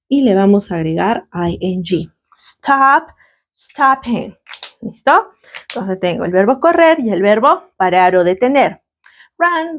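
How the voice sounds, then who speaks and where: Patient woman teaching English grammar. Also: medium pitch. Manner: patient, repeats words slowly and checks in with "¿listo?". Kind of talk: classroom grammar lesson.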